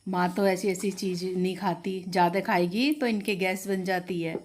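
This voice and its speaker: A woman's voice: lowish voice, fairly even intonation, moderate pace, voice pushed down, lightly acted. A woman voicing a food-obsessed young girl. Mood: eager. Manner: eager, pleading and whiny about food. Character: greedy teenage girl always hungry.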